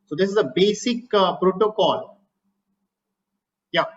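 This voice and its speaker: A man moderating an online meeting, briskly giving instructions to participants over a video call. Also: high-pitched. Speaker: session moderator. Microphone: computer mic on a video call. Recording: muffled video call audio.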